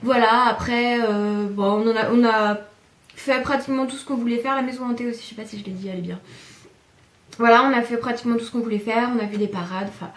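Enthusiastic woman vlogger, chatty, lots of "euh", slightly high voice, echoey room. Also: fairly even intonation, fast, distant mic. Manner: enthusiastic, chatty, many fillers. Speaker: YouTuber showing a haul. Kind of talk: casual chat to camera.

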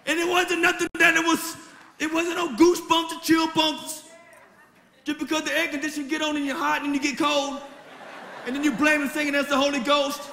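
A man shouts his church testimony in a very high, sharp voice with a gravelly rasp. He pushes hard and repeats phrases in a rising preaching cadence. His voice rings through a long-echoing hall with a faint crowd behind him. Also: level tone, a little fast, slight background noise. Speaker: testimony speaker.

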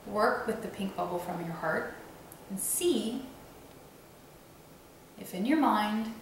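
A woman slowly and soothingly guiding a breathing and visualization meditation. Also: mid-range voice, animated, a little hiss or hum. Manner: slow, soothing, gently instructive. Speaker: meditation guide. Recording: very echoey room, faint ambience.

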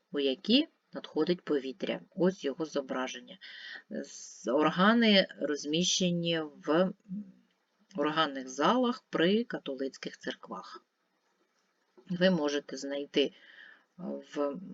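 A woman's voice: low voice, no room sound. A woman teacher giving a recorded lesson to young children, carefully repeating each word with its stress shifted. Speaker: primary school teacher. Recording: dull lo-fi sound.

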